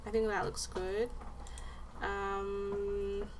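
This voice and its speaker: Female vlogger, middle pitch, casual explanatory chat, home recording with slight noise. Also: completely flat delivery, extremely slow. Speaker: vlogger and candle maker. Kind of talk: casual vlog chat and tutorial. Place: indoors at home. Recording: faintly noisy home recording.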